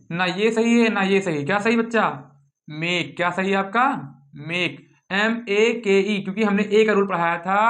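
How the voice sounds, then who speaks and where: A man's voice: sits high, a bit bright. A young man teaching English pronunciation rules in a classroom-style lesson, asking questions and answering them himself over and over.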